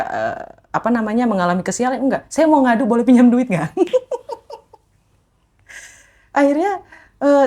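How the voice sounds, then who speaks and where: A woman guest with an Indonesian accent, telling her story in a casual interview and acting out the voices of others. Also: fairly high pitch. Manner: animated, acts out quoted voices.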